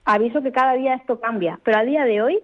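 A woman legal expert speaking as a radio guest, explaining rules in a clear, firm, methodical way. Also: fairly high pitch, quick pace. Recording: tinny phone line.

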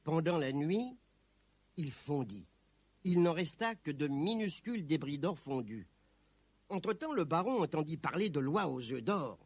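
Man narrating a storybook, animated. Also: on the high side, measured pace, breathy edge, dry recording. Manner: expressive, animated.

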